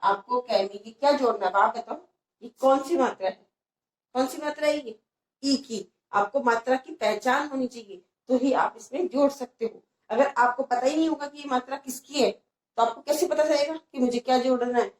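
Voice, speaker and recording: A woman's voice: high-pitched, a little mellow, recorded from a distance. Lady teacher drilling kids on letters, asks then answers herself, roomy echo. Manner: asks pupils questions and answers them herself; stresses pronunciation slowly and repeatedly. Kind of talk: Hindi alphabet lesson for children.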